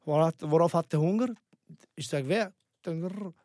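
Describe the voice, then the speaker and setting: A man co-hosting a podcast, joking and laughing in animated casual banter. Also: fairly high pitch, moderate pace, dry recording, clean studio sound. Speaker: podcast co-host. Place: in Switzerland.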